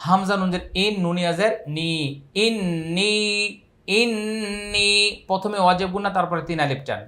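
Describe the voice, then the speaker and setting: A man from Bangladesh teaching Quran reading with a Bangladeshi accent, spelling each word letter by letter and then chanting it in long drawn-out recitation. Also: high-pitched. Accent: Bangladeshi Bengali. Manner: slow drawn-out chanted recitation between brisk spelling drills.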